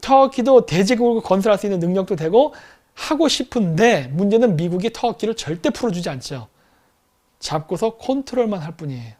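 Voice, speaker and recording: Male commentator, high-pitched, animated casual talk on politics. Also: fairly quick. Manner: animated, acts out countries as quarrelling people.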